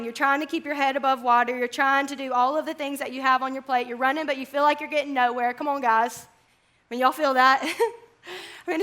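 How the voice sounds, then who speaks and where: Young woman preacher, high-pitched, conversational and emphatic. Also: a bit bright. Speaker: campus ministry speaker. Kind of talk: sermon.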